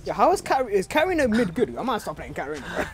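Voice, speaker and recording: Young man, hugely expressive, teasing, slangy bro talk, casual gaming voice chat, busy chatter in background. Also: high voice, racing. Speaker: online game player. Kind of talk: casual group gaming banter.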